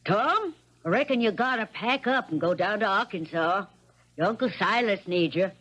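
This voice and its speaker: An actress playing a plain-spoken older country aunt with a rural American accent and folksy manner, in a 1970s radio drama. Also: female voice, medium pitch, animated, normal speed, a bit bright. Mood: concerned, matter-of-fact. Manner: folksy, matter-of-fact. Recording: dull vintage radio recording.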